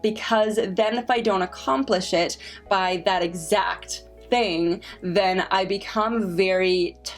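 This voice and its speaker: Soft music plays behind this woman in her twenties, whose voice sits in the mid-range. Speaking to camera as a vlogger, she stutters often, repeating sounds and restarting, while staying slow, reflective and encouraging.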